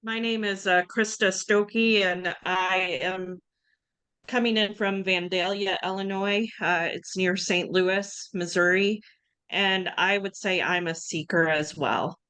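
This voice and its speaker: A woman's voice: medium pitch, fairly even intonation, slow pace, fairly bright tone, clean tone. A woman introducing herself hesitantly in an online class over a video call. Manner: hesitant with fillers. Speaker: class participant.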